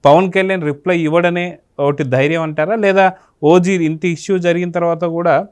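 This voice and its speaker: A man's voice: fairly high pitch, steady tone, moderate pace, a little mellow, smooth. A male host interviewing a guest on a political talk show, asking leading questions and humming along as she answers. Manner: prompting questions, short agreeing hums.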